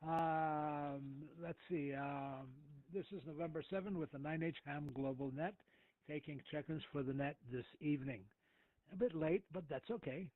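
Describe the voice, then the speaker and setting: A man running an amateur radio net in a relaxed, hesitant way with many filler pauses, heard through a narrow two-way radio transmission. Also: a little high, no room sound. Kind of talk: casual on-air radio net chat. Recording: tinny, dry ham radio audio.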